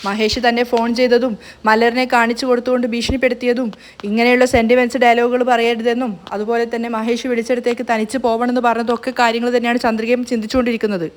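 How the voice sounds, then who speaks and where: A woman narrates a serial's plot in a brisk, hurried retelling, her voice sitting a little high. She rushes through events at a very quick clip and now and then trips over a word and restarts. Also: level tone. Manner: brisk retelling with small stumbles. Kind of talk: rapid spoken story recap.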